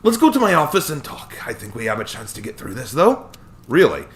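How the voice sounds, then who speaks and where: A man reads a story aloud, lifting his voice higher than his own to play a cheerful, chatty old Scottish lawyer with a lilting Scottish accent. His delivery is brisk, very animated and lightly acted.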